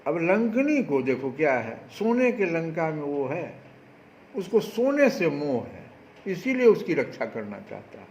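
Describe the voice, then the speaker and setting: Guy preaching a spiritual talk, bit high voice, asks the crowd questions, muffled recording with faint background noise. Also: a little slow, echoey room. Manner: animated preaching with rhetorical questions. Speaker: spiritual speaker. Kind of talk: devotional discourse.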